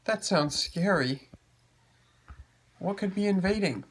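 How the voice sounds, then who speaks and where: A man's voice: high voice, animated, takes it slowly, voice pushed up, exaggerated voice. A man voicing a curious young hero in a bedtime story he tells.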